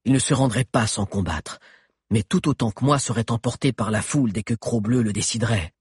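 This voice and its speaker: Husky male audiobook narrator. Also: medium pitch, brisk, no room sound, clean studio sound. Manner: steady, dramatic storytelling. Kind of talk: first-person scripted narration.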